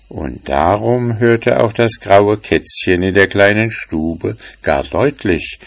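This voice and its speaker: A man reads a fairy tale aloud in a calm, unhurried way. His voice sits at an ordinary pitch. The sound is close and dry, with no room around it. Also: dry recording. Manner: calm and measured. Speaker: storyteller.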